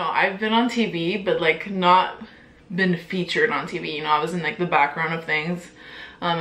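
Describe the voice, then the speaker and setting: A young woman in her twenties talks casually to her camera, giggling and filling her speech with "like" and swear words. Her voice is bright and forward. The room around her rings with noticeable echo. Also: fairly low pitch. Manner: chatty, giggly, peppered with "like" and swearing. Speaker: vlogger. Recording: echoey room.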